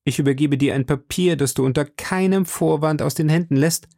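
A man's voice: a little high, a little fast, mellow, no room sound, studio quality, voice pushed up. Man voicing a coaxing young wife, raised and urgent. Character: anxious, secretive young wife of a shopkeeper. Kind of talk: audiobook character reading.

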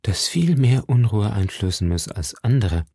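A man voicing a grave, older musketeer leader who speaks calmly and with command. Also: fairly low pitch, a little slow, breathy edge, dry recording, clean studio sound, full character voice. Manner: calm, commanding.

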